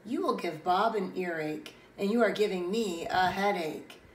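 A woman voicing a patient, weary mother who gently scolds her little daughter in a picture book. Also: mid-range voice, moderate pace, a little hiss or hum, close to an everyday voice. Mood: patient scolding. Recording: roomy, distant mic, faint ambience.

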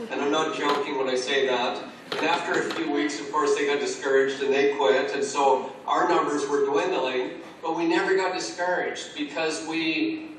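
A man's voice: on the high side, fairly bright tone, a little hiss or hum. Earnest man on an echoey call. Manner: earnest, rambling with restarts. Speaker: Alpha course trainer, interviewee. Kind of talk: call interview. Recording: echoey distant call audio.

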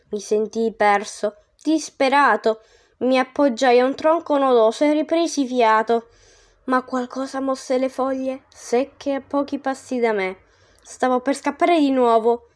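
A woman narrating a story in the first person, reading expressively with dramatic, slowed emphasis. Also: sits high, darkish tone.

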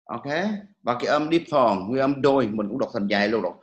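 A man's voice: mid-range voice, brisk, reverberant, highs cut off. A man teaching English pronunciation, patiently repeating each sound for students to copy. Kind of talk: pronunciation lesson with repetition drills.

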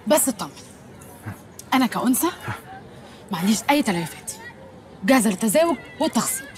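A woman's voice: on the high side, very animated, fast talker, a faint crowd, a little hiss or hum. An actress playing an eccentric, blunt young woman with abrupt mood swings in a film comedy. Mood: pushy.

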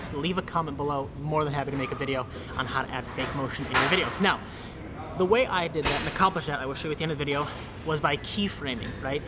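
A young man filming a casual how-to vlog in a large indoor gym, chatty and explaining step by step to a nearby camera. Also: on the high side. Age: young adult. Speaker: fitness video creator. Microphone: camera close up and on tripod.

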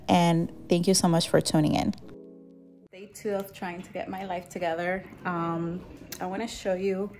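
In her home kitchen, a woman in her thirties vlogs about organizing, speaking to camera with some voice-over in a fairly low, slightly mellow voice. She's chatty and encouraging and laughs at her own mess.

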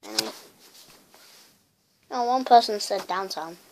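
A woman's voice: medium pitch, sing-song, measured pace. A woman YouTuber chatting casually in a rambling, self-mocking way as she looks back at her old videos. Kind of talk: casual vlog commentary.

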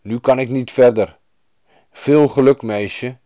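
Man doing a kindly reindeer, steady calm voice, dry lo-fi storybook sound. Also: medium pitch, slow, dry recording, lightly acted. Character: kind, steady male reindeer guide.

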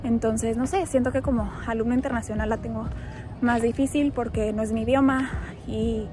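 A young woman with a Mexican Spanish accent chats casually into a phone held at arm's length while walking across a campus, and later from a home kitchen. Her fairly high voice is fairly even in intonation and moderate in pace, and music plays underneath. As a vlogger she sounds upbeat and uses lots of fillers.

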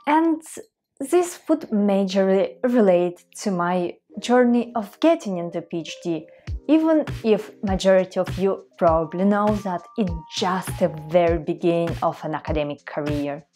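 A young Russian woman vlogger with a mellow, mid-range voice and a Russian accent chats to the camera from a desk in a small room at home. She's earnest and talkative, choosing her English carefully and restarting now and then.

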